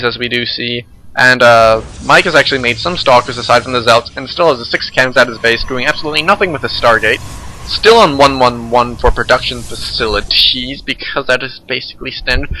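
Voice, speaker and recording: A man's voice: mid-range voice, bright, forceful tone, a little hiss or hum, low-quality recording. A young man casually commentating a strategy game replay, joking and sarcastic.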